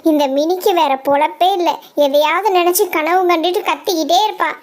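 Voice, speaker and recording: A woman's voice: very high voice, a little fast. A woman voicing Reni, a schoolgirl doll who scolds and teases her dreaming friend in a doll story. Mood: teasing. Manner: scolding, teasing, bossy.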